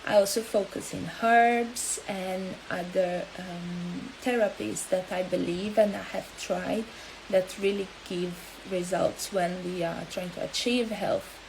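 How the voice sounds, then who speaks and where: Slow, halting woman. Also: on the low side, steady tone, background noise. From Angola. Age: 30s. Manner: halting and hesitant, with many pauses. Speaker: health coach. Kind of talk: live-stream talk.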